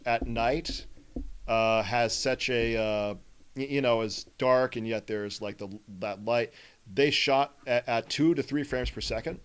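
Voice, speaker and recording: A man's voice: mid-range voice, clear, resonant tone. A man hosting a film podcast, explaining movie trivia in a rambling way with many fillers. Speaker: podcast host. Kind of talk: casual film discussion.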